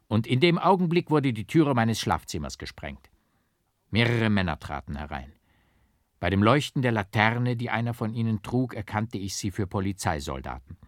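Brief: male audiobook narrator, low pitch, dry close sound, expressive dramatic reading. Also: no room sound. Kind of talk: first-person literary narration.

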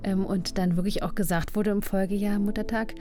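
A woman's voice: mid-range voice, fairly even intonation, fairly quick, warm tone, soft background music. A woman podcast host and coach talking in an empathetic, encouraging way. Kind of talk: podcast conversation with recorded coaching session.

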